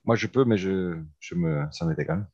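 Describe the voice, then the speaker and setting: A man's voice: low-pitched, normal speed, darkish tone, breathy edge, muffled recording. A man from Argentina, a seminar discussant commenting on a book, speaking hesitantly with many fillers and restarts.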